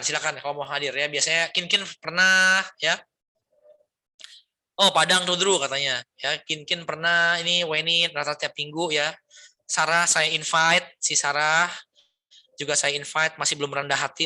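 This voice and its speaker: Male pastor, middle-aged, very bright tone, preaches like friendly chat, keeps checking in with listeners. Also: a little high, steady tone, normal speed. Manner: chatty, peppers speech with tag questions and English words. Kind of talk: conversational sermon.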